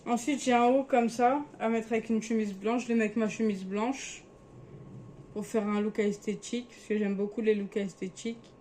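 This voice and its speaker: A woman's voice: fairly high pitch, fairly even intonation, normal speed, mellow, a little hiss or hum. A young woman casually showing her clothes in a vlog, chatty and sometimes hesitant as she searches for words. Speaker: vlogger.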